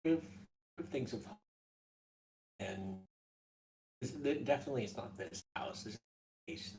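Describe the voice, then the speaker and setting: A man playing a tabletop game online, speaking quietly and hesitantly, his voice cutting in and out over voice chat. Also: mid-range voice, lively intonation, gravelly. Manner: quiet and hesitant, with pauses and fillers. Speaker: player. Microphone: desktop microphone.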